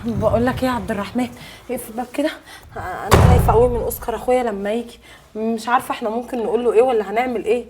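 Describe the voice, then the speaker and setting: A woman's voice: fairly high pitch, steady tone, racing, noisy background, close to an everyday voice. A young woman with an Egyptian accent playing a cold, scheming daughter who throws her father out. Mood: anxious. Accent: Egyptian Arabic. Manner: harsh and dismissive. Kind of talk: web drama acting.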